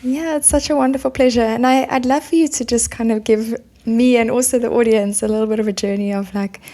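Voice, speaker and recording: Gravelly, mellow-voiced woman podcast host. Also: fairly high pitch, steady tone, brisk. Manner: upbeat, welcoming, rhetorical questions. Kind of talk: podcast intro and interviewing.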